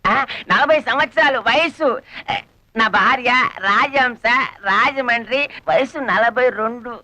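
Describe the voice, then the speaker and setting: A man's voice: extremely high pitch, a little slow, pushed and bright, no echo, full character voice. An actor playing a jealous, suspicious Malayali husband in his forties, speaking blunt, broken Telugu with a Malayali accent in a comedy film. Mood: quarrelsome. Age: 40s. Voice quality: quarrelsome, blunt, mangled Telugu. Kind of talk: comic film acting.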